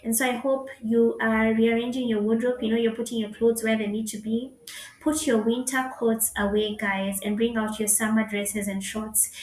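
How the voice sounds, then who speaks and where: A woman's voice: on the high side, flat delivery, moderate pace, darkish tone, reverberant, a little hiss or hum. A woman in her thirties with a Kenyan accent, hosting her own podcast in a chatty, playful solo talk with joking asides. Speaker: podcast host. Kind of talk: casual solo podcast chat.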